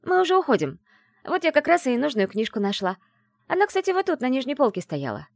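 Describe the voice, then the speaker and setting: A woman voicing a lively, scheming young female student of magic who talks bossily and excitedly. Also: high voice, creaky, dry recording, studio quality, voice pushed up, full character voice. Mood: cheerful, coaxing. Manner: bossy, fast and excitable.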